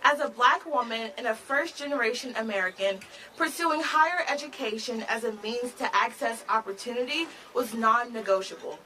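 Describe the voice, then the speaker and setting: A woman's voice: fairly high pitch, normal speed, sharp tone, slight background noise, rough recording. A woman MC delivering a prepared rally speech in a formal, emphatic, projected manner. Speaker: rally MC and advocate. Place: outdoor rally, speaking to a crowd.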